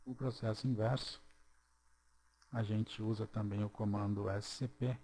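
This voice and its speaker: A man narrating a screen-recorded programming tutorial, walking through each step slowly and checking in with "ok?". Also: fairly low pitch, steady tone, warm tone, slight background noise. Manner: slow, step-by-step, checks in with "ok?" and "certo?".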